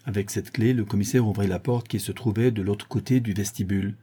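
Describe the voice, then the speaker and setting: Casting: middle-aged male audiobook reader, low husky tone, measured classic-novel narration. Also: fairly even intonation, dark tone. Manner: measured storytelling, lifting his voice for dialogue.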